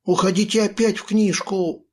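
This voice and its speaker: A man's voice: high voice, fairly even intonation, moderate pace, voice pushed up. A man voicing a frightened young boy who cries out in panic and pleads, in a storybook reading.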